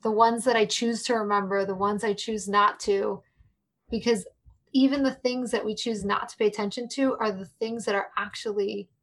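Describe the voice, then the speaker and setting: In a mid-range voice, a woman talks as a guest on a podcast interview, warm and thoughtful throughout. Her laughter comes often, and she turns to the listeners directly.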